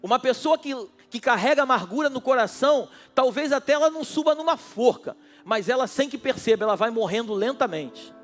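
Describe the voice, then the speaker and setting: A man's voice: very high-pitched, animated, a little fast, faint music behind. A male pastor preaching a sermon at a night church service, passionate and speaking straight to his listeners. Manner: impassioned, addresses listeners directly.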